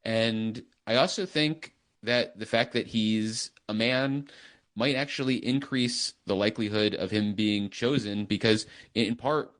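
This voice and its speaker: A man's voice: fairly low pitch, measured pace, fairly bright tone. A man hosting a political podcast, talking through candidates in a casual, wry way with dry humor. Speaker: podcast host.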